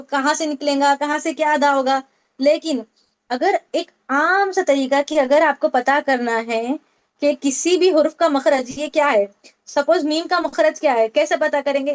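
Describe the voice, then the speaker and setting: A woman teaching a Tajweed class online, explaining step by step, asking the class questions and repeating key points. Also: high voice. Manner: explains with questions and repetition, mixes English terms. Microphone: online meeting call.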